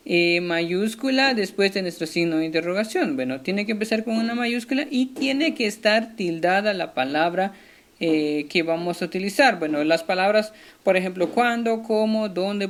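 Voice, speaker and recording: Friendly man teaching children. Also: sits high. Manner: friendly, addresses pupils directly, frequent hesitations. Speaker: primary school teacher. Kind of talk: video lesson for children.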